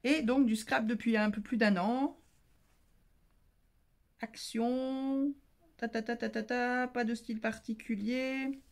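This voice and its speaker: A woman's voice: on the high side, fairly even intonation, slow pace, long pauses. A tired woman hosting a casual craft chat, playful and self-mocking as she opens mail. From France. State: tired, voice going. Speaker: craft channel host.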